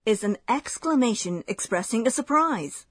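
A woman with a slightly high, breathy voice reads a scripted language lesson. Her explanations are clear and measured. The recording is dry and close. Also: animated, a bit bright, dry recording.

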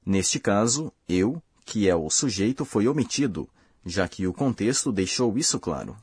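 A man hosting a language course, giving slow, careful, scripted explanations. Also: lowish voice, lively intonation, darkish tone, husky, no room sound, studio quality. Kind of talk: scripted lesson narration.

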